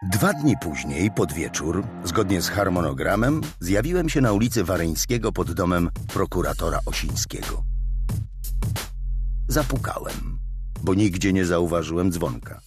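A man with a very low voice narrates a crime audiobook in first person, measured and matter-of-fact. His delivery rises and falls expressively, with faint music underneath. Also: very animated.

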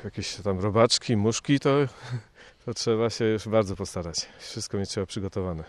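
Hesitant male hobby photographer, lowish voice. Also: steady tone, no echo. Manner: halting, hesitant. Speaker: amateur photographer. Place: outdoors.

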